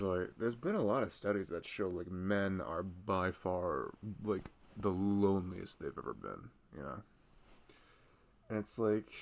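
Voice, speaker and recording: In an intimate ASMR roleplay, a man with a deep voice plays a loving, protective husband. He's soft-spoken and earnest, chatting in a rambling, casual way.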